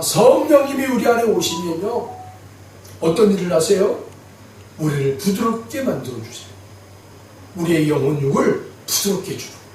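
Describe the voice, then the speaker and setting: A middle-aged male pastor preaching a sermon, telling a story with animated, emphatic, repetitive phrasing. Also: fairly high pitch, a little hiss or hum. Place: large church sanctuary. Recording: echoey hall from far off.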